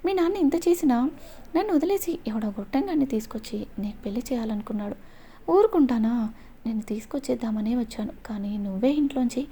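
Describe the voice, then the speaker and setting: A woman's voice: a little high, mellow, husky. A woman voicing an obsessive, scheming young man who gloats over his plan. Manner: menacing, gloating.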